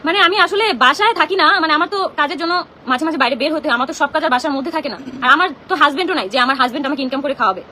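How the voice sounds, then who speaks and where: A young woman speaking very fast in a high, piercing voice, her words tumbling out in an agitated, confrontational rant. Her tone is bright and tense throughout. It sounds like a live stream on a phone, with faint room ambience behind her. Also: expressive, a little hiss or hum. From Bangladesh. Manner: agitated, indignant, rapid-fire and confrontational. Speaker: social media content creator. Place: home.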